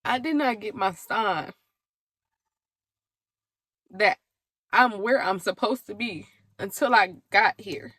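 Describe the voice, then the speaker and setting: A young woman, chatting to the camera in an emotional, animated way about her move. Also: mid-range voice, slow, pauses often, no echo. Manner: emotional, animated storytelling with laughs. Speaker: vlogger. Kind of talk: casual chat to camera.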